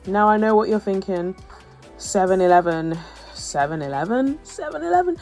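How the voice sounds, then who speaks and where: A woman's voice: mid-range voice, gravelly, darkish tone. A woman narrating her travel vlog as a voice-over, telling her story in a chatty, humorous way with playful asides. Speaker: travel vlogger.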